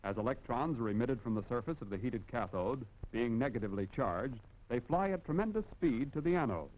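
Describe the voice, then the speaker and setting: 1940s American film narrator, dull vintage sound. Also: male voice, medium pitch, animated. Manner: formal, instructive, measured emphatic delivery.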